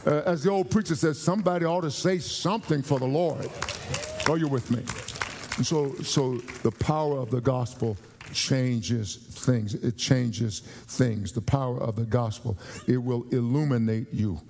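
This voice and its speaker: A man from the United States preaches a sermon in an earnest voice. His tone is dark and mellow, and he often repeats and restarts phrases and slows down for emphasis. The sound carries a long reverb from a church sanctuary. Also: medium pitch, vocal fry, a little hiss or hum.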